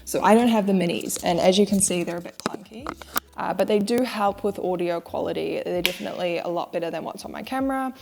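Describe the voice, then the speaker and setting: Talking fast into a wireless clip-on mic, a young social media manager vlogs casually and candidly about her work in a chatty, self-deprecating way. Her voice is fairly low and gravelly, and background noise can be heard.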